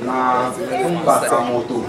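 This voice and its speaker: A young man from Kasai-Oriental gives his answers in a neat, numbered order, his voice sitting at an ordinary pitch. Everything rings with heavy echo, captured from far off amid a loud crowd. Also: steady tone, slow. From Kasai-Oriental, Congo. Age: 20s. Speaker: party activist and French teacher. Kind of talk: answering questions under interrogation. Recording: echoey, distant mic with loud crowd.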